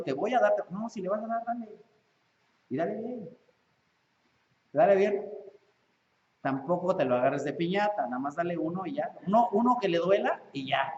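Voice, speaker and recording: A man with a Mexican accent preaching a sermon as pastor, animated and acting out parents and children. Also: high-pitched, slight background noise. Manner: animated, acts out parents and children in quick voices. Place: church. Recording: echoey lo-fi church hall recording.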